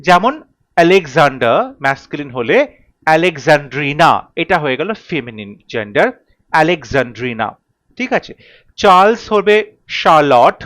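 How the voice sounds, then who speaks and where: High-voiced man teaching grammar. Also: moderate pace, dry recording. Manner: lists word pairs in a steady drill, checking in with "ঠিক আছে?". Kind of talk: classroom grammar lesson.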